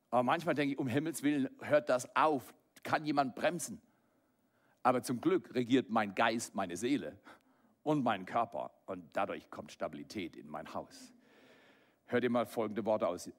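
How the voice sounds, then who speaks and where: A man preaching a sermon, moving between quiet low asides and loud raised passages. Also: animated, moderate pace. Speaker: pastor.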